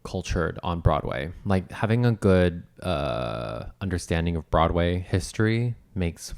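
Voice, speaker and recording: A man co-hosts a casual podcast with dry, self-deprecating humor. His voice sits very low. He teases his co-host in a relaxed, conversational way. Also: measured pace, gravelly.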